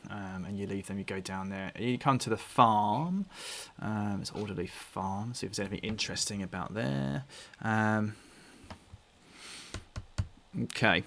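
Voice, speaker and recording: A man's voice: lowish voice, measured pace, creaky, a bit bright, a little hiss or hum. A man narrating a tabletop game as dungeon master, hesitant and full of fillers.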